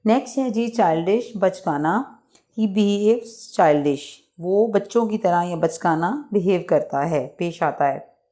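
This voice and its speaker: A woman teacher giving a bilingual English lesson, reading out example sentences and spelling out words slowly, one by one. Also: lowish voice, expressive, dark tone. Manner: slow, drawn-out word-by-word pronunciation.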